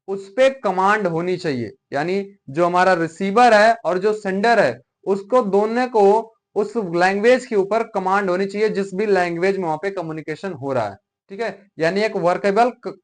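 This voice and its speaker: High-voiced man teaching a class. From Uttar Pradesh, India. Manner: repetitive, checks understanding with rhetorical questions. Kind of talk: classroom lecture.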